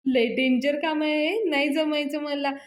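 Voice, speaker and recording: A woman plays a bold, mischievous young village woman. Her voice sits high and playful, bargaining with a grin. The sound has a roomy echo. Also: steady tone, unhurried. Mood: cheeky.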